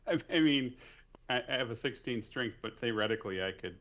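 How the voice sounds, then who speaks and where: A man's voice: medium pitch, lively intonation, normal speed, a bit bright. A man playing a tabletop game, joking casually about his character's plans, heard through a dull lo-fi mic. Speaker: player.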